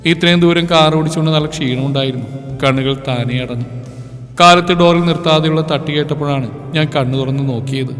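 A man giving scripted narration of a novel in a steady, measured way. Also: on the high side. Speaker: storyteller. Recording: reverberant with music underneath.

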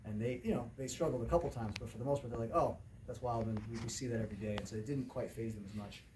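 A middle-aged volleyball coach answers questions at a post-game press conference in an indoor room, speaking fast at a medium pitch. A distant camera microphone picks him up, with clear room noise.

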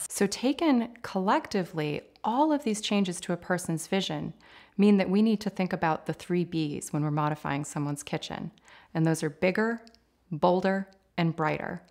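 A woman in her forties, an occupational therapist, explaining things in a clear, measured, instructive way in a home kitchen. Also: on the low side, darkish tone. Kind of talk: explanatory interview talk.

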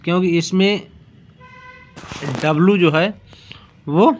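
A male teacher giving an exam-prep grammar lesson, explaining slowly and repeating himself, spelling out letter by letter. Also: sits high, a little hiss or hum. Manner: slow, repetitive explaining, spelling words out letter by letter.

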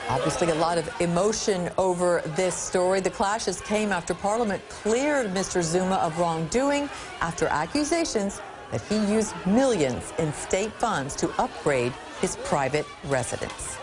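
A woman anchor in her forties reads the news from a studio desk, her voice sitting low. She reads the items steadily and drops in chatty asides between them. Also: expressive, moderate pace, over music, crowd noise. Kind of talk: read news copy.

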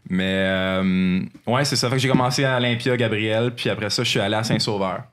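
A man's voice: fairly low pitch, fairly even intonation, brisk, fairly bright tone. A man in his twenties from Montreal with a Québécois accent, telling stories as a podcast guest, rambling with many fillers and restarts, at a table mic in a room. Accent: Québécois French. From Montreal, Quebec. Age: 20s. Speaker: podcast guest, alpine skier. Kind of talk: casual storytelling. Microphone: desk microphone.

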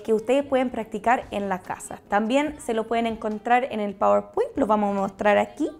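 Slow, gravelly teacher speaking Spanish. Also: female voice, a little high. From United States. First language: English. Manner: explains slowly and clearly, repeats phrases in English then Spanish. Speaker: English teacher. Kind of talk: online language lesson.

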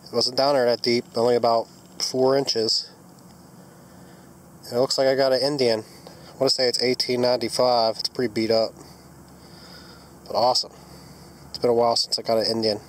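While hunting with a metal detector outdoors, through woods and a yard, a man who is stuffed up from a cold talks casually to his viewers as he digs, upbeat and plain-spoken. His medium-pitched voice barely moves, his pace is moderate with long pauses, and slight background noise is present.

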